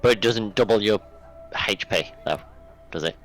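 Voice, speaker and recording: A man as game master giving brisk rulings with frequent restarts. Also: on the low side, a bit bright, faint music behind, low-quality recording. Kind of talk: running a tabletop game over a call.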